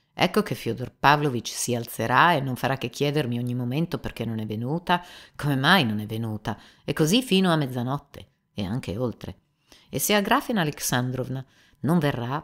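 Woman reading a sneaky servant guy, smooth and slow, kinda oily and fawning, audiobook. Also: very deep voice. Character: servile, sly male servant, calm and insinuating.

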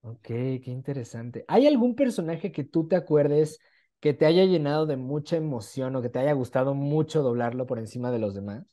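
A man in his twenties with a Mexican accent hosts a casual video-call interview from a small room at home, sounding encouraging and conversational through wired earphones. His mid-range voice is dark in tone and lively in intonation, at a moderate pace.

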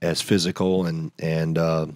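A middle-aged man, a head coach, breaking down a game at a postgame press conference in a measured, analytical way. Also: very deep voice, flat delivery, darkish tone, dry recording. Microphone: table mic.

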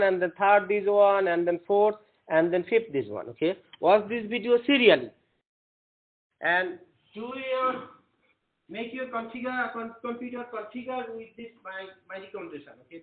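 Lecturing at normal speed in a high-pitched voice, a man whose first language is Bengali encourages his class earnestly, going back over the same points often. The sound is tinny, like a phone, with room echo.

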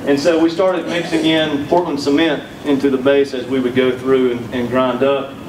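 A Southern-accented man in his thirties from South Carolina delivers a conference keynote full of folksy, humorous stories, speaking into a handheld mic. His mid-range voice is flat and normal in speed, with background noise. It's recorded from far back in an echoey indoor conference room.

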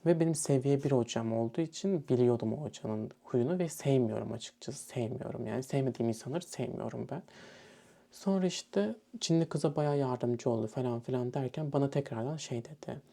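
Mellow-voiced young man telling a story. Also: mid-range voice, brisk, creaky. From Turkey. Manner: animated retelling, acting out other people's lines. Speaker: student vlogger. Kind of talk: casual storytelling.

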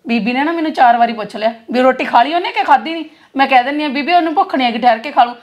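A woman acts out an anxious sister-in-law who coaxes and pleads. She talks quickly in a slightly high voice. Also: close to an everyday voice. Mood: coaxing. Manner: coaxing, pleading. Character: caring young sister-in-law, anxious peacemaker. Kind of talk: rural Punjabi web drama acting.

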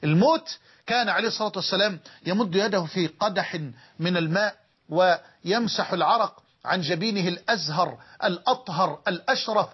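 High-voiced husky Egyptian preacher. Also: male voice, lo-fi sound. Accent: Egyptian Arabic. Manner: emotional storytelling with dramatic pauses. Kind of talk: sermon.

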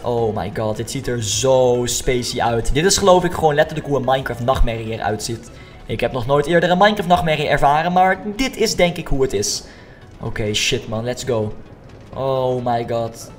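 A young man hosts a casual let's play, jokey and excitable, dropping in English slang as he talks to his viewers. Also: fairly high pitch. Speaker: gaming video host. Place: indoor room.

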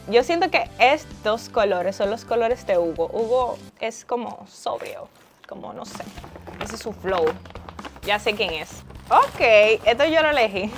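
A woman with a fairly high voice chats casually to her viewers, gushing and squealing over little things and mixing English words into her talk. Soft music plays faintly behind her. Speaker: mother unboxing birthday gifts. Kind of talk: casual vlog chat.

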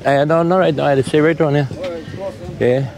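A man in his forties talks casually to viewers as a travel vlogger, walking outdoors through sunny island streets with a handheld camera. He repeats himself and tosses out relaxed asides. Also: on the high side, a little fast, creaky, a crowd in the background. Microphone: action camera held at arm's length while walking. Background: street and vehicle noise.

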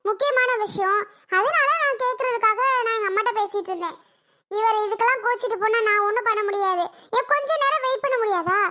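A performer with a very high, bright voice plays a sulky, defiant young daughter-in-law in a family comedy skit, complaining indignantly.

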